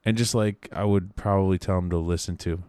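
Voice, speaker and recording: A man in his thirties with a very low, deep voice chats casually, wandering through his thoughts with wry, profane asides. He often restarts his sentences. The sound is dry and close, with no room in it. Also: steady tone, a little fast, mellow, smooth, dry recording. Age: 30s. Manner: rambling, self-correcting, wry and profane. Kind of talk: casual chat.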